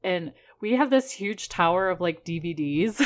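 A woman's voice: on the low side, animated, a little slow. A woman co-hosting a podcast in casual chat, telling things in an informal, jokey, rambling way. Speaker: podcast co-host.

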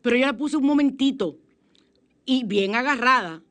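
A woman radio host, giving spiritual self-help advice in a chatty, expressive way with sudden exclamations. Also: high voice, moderate pace. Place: radio studio.

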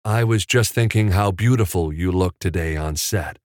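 A man voicing a quietly earnest young man in an audiobook, soft and low-key. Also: normal speed, no room sound, studio quality, close to an everyday voice. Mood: tender. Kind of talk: audiobook character voice.

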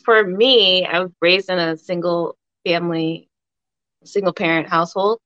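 A woman in casual discussion, explaining her points in a measured, conversational way. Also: on the low side, fairly even intonation, fairly bright tone. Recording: echoey room, slightly muffled sound.

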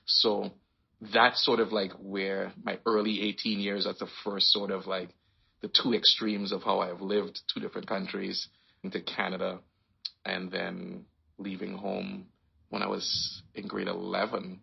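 A man raised in Trinidad and Tobago, telling his life story in a relaxed, rambling way as an interview guest. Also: low voice, a little slow, gravelly, slightly rough, lo-fi sound. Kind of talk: casual conversation.

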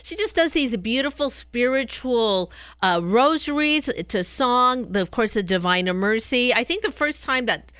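Chatty bright-voiced woman radio host. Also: a little high, lively intonation, moderate pace, clean tone, no echo, studio quality. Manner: chatty, meandering with fillers. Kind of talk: casual radio chat.

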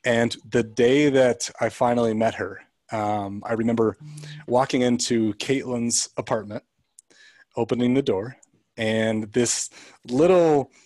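A man's voice: medium pitch, steady tone, unhurried, a little mellow, no echo. Earnest man telling a story, dry sound. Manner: earnest, reflective, many likes and restarts. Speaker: guest. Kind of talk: personal storytelling in a conversation.

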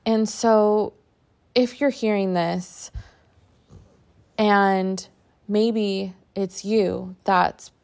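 A woman podcast host and coach giving a reflective personal monologue in short, halting phrases. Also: mid-range voice, vocal fry, darkish tone.

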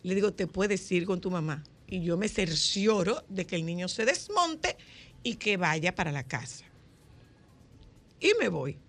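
A woman with a Dominican accent, hosting a casual chat and telling lively stories, acting out the dialogue. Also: fairly low pitch, unhurried, faint music behind. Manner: lively storyteller, acts out dialogue.

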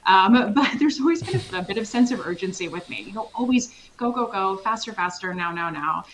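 A middle-aged woman from Switzerland, a consultancy founder answering interview questions in an energetic, emphatic way and laughing easily. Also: medium pitch, fairly quick, a little hiss or hum, rough recording. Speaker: sales consultancy founder, guest.

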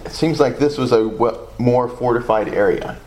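A man's voice: mid-range voice, moderate pace, a little mellow, faint music behind, rough recording. A man with a Southern US accent leading a Bible study, thinking aloud in a loose, hesitant way as he reads and discusses scripture.

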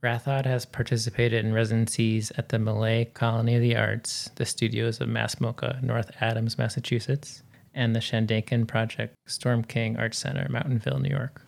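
A man co-hosting a podcast, reading a long list in a flat, steady way and chatting casually. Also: medium pitch, normal speed, gravelly. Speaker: podcast co-host. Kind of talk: reading a bio list, then casual chat.

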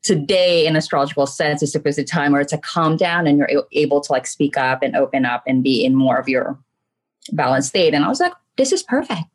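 Low-voiced, animated woman guest. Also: quick pace. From immigrated to the US at 12. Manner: animated, acts out quotes, laughs often. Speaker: guest, spiritual medium and author. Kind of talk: casual interview talk.

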